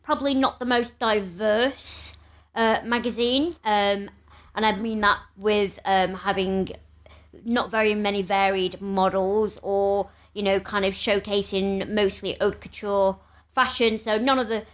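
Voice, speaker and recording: A woman co-hosting a casual chat while hungover, rambling and giggly with lots of pauses. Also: mid-range voice, steady tone. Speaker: podcast co-host.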